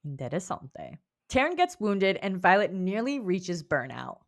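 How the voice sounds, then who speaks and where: Casting: female book podcast co-host, lively up-and-down delivery, casual and profane. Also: mid-range voice, normal speed. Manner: animated, swears casually, laughs often. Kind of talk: casual book club chat.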